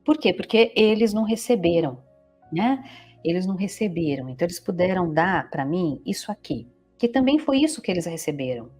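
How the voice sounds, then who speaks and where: A woman with a Brazilian accent teaches in a somewhat low voice. She explains step by step and keeps checking in with her listeners. Faint music plays softly behind her. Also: very animated, brisk. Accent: Brazilian Portuguese. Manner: explains patiently, often checking in with "né?" and "tá?". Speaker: psychologist and family constellation teacher. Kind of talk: explanatory teaching talk to viewers.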